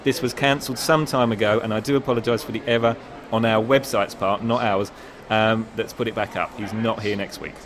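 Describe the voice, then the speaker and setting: The bookshop manager's voice is on the low side, steady and brisk, with a crowd audible behind him. He answers a casual interview politely, slightly hesitant and using fillers, in a bustling shopping centre store where the recording picks up public noise.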